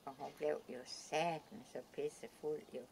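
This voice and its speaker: An older woman with a South Jutlandic Danish accent, telling stories from her youth in a hesitant, halting way with many restarts. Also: low voice, steady tone, a little mellow, slight background noise. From Southern Jutland, Denmark. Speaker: interviewee recalling her youth. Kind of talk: casual oral-history storytelling.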